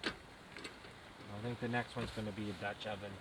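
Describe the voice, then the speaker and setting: A man's voice: fairly low pitch, fairly even intonation, normal speed. A man bantering casually as a camping companion, chipping in with short folksy remarks. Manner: brief, folksy interjections. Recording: loud outdoor camp background noise.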